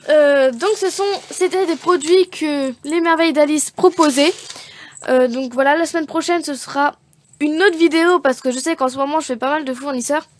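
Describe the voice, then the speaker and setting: A woman's voice: high-pitched, normal speed, a little hiss or hum. A woman chatting casually as she shows off craft and nail art supplies, rambling and correcting herself as she goes. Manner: chatty, rambling, self-correcting with many fillers. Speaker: beauty vlogger showing craft supplies. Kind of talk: casual unboxing chat.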